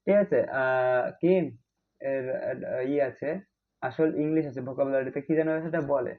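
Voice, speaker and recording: A man teaches an online exam-prep grammar class in a chatty way, keeps asking "ঠিক আছে?" to check students follow, calls them "bhai" (brother), and mixes in English terms. His medium-pitched voice is unhurried with fairly even intonation. The audio is tinny, like a phone.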